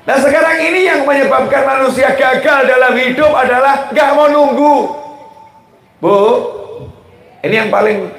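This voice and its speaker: A man delivers a sermon to a gathered audience. His voice sits high, and he keeps the talk light with jokes and questions to the listeners. The hall around him rings with echo. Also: a bit bright, a little hiss or hum. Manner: humorous, questions the audience, acts out dialogue. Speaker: preacher. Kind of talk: Islamic sermon to a live audience.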